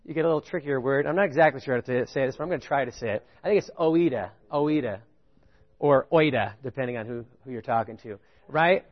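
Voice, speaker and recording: A man preaching a sermon, animated, often stopping to ask the congregation "right?". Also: very fast, dull audio. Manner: animated, rising pitch on key points, chuckles, asks "right?". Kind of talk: sermon with audience participation.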